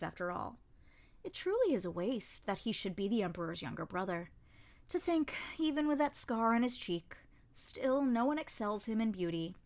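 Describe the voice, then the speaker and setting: A woman narrating a fan audiobook of a novel in an expressive storytelling manner. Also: medium pitch.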